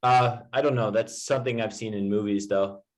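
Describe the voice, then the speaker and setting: A man's voice: lowish voice, fairly even intonation, fairly quick. A man tutoring English one to one, explaining informally with everyday examples. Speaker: English teacher.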